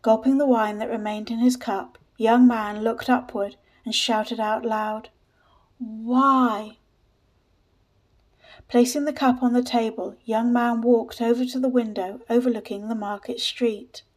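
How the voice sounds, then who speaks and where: A woman narrating a story in a steady, measured reading voice. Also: fairly high pitch.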